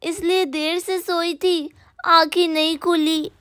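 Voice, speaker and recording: A woman's voice: extremely high pitch, little pitch movement, slow pace, a bit bright, no echo, studio quality, exaggerated voice. A woman voicing an apologetic young mother pleading with her mother-in-law.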